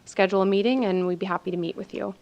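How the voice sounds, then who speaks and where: Woman, city planning staff, council meeting, informative, steady, frequent ums, mid pitch. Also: racing, dull audio. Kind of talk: explaining procedures at a council meeting.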